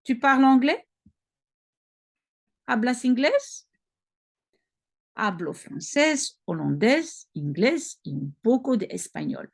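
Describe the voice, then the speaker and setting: Belgian French woman teaching, slow deliberate delivery, fry in the voice. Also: on the high side, very animated. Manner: slow, careful, self-correcting, explaining as she goes. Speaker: language-learning video host. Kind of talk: reading practice dialogue aloud.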